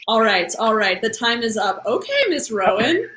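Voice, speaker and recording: A woman hosting a live online game show in an upbeat, brisk manner. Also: a little high, sing-song, very noisy. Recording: music under the voice.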